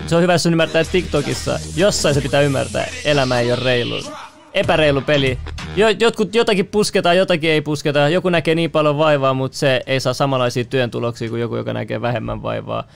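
A man co-hosts a relaxed conversation in a gravelly, creaky voice. He talks in loose slang and likes to brag with a joke. His pitch sits in the middle. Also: faint music behind. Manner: slangy, boastful joking. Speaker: podcast co-host. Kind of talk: casual chat.

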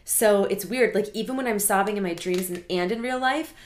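A woman's voice: mid-range voice, fairly quick. A young woman in casual chat, talking loosely with many fillers and laughing easily.

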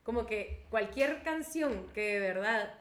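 A woman's voice: a little high, lively intonation, takes it slowly, fairly bright tone, echoey room. A young woman with a Guatemalan accent, telling self-mocking stories in slangy, casual chat with friends. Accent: Guatemalan Spanish.

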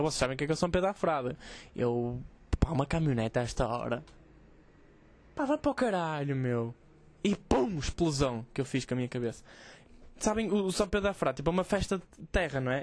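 A man's voice: on the high side, darkish tone, no room sound, clean studio sound. A man, hosting a podcast as a rambling, profane, self-mocking comic monologue. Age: 20s. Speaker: podcast host.

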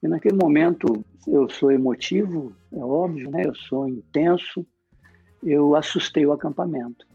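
A man giving an emotional sermon testimony, telling his story with many halting restarts. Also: fairly high pitch, creaky, breathy edge, no room sound, lo-fi sound, soft background music.

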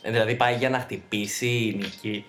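A man co-hosting a podcast, chatting casually with loose swearing and quick reactions. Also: lowish voice, flat delivery, fairly bright tone, slight background noise. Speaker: podcast co-host. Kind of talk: casual chat.

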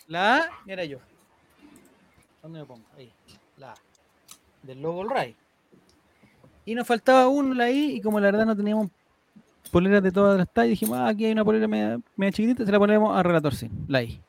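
A man's voice: high-pitched, expressive, brisk, creaky, pauses often. A man, telling a story as a podcast host in a rambling way, with restarts and laughs. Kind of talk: casual storytelling to co-hosts.

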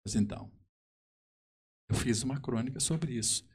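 Man, southern Brazilian accent, middle pitch, halting emphatic storyteller, conversational interview guest. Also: a little mellow, breathy edge. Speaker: musician guest.

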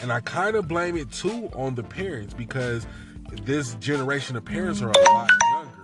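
A man's voice: medium pitch, animated, moderate pace, over loud music. A man in his thirties co-hosting a casual chat show, talkative and cursing, often saying "you know what I'm saying". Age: 30s. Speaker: podcast co-host.

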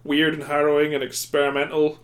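Man in easygoing chat, a touch high-pitched, chatty and relaxed. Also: a little fast. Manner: laid-back, chatty, laughs easily. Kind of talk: casual podcast chat.

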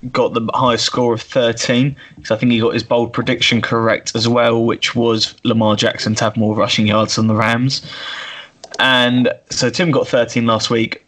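A man's voice: medium pitch, a bit bright. A man co-hosting a casual sports podcast, chatty as he reads out the standings. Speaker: podcast co-host.

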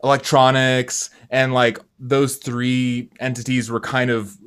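A man's voice: mid-range voice, level tone, takes it slowly, a bit bright, clear, resonant tone. A man hosting a casual interview, speaking in an easygoing way with lots of hedging fillers. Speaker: podcast host.

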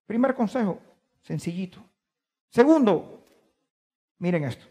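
A man preaching a sermon to his congregation, stressing key words by drawing them out slowly and putting questions to his listeners. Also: sits high, animated, dark tone, husky, in a large hall. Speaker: pastor. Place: church.

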